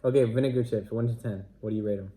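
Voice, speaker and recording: A man's voice: fairly low pitch, fairly even intonation, very fast, dark tone. A young man hosting his own vlog, casually tasting snacks in a laid-back, slangy way and laughing often. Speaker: vlogger. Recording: noisy home video.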